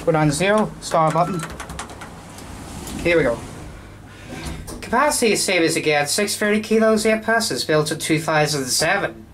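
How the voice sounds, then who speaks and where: A man's voice: a little high, lively intonation, moderate pace, long pauses, fairly bright tone. A man filming with a handheld phone at a train station, narrating an elevator ride and plainly listing its details. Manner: matter-of-fact, lists elevator details. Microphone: handheld phone camera. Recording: noisy station ambience, passing trains.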